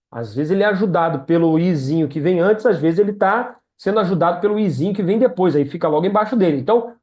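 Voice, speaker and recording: A woman's voice: medium pitch, mellow. A woman tutoring a student one-on-one in reading Hebrew, patient and encouraging, speaking over a video call. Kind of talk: one-on-one language lesson. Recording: dull lo-fi sound.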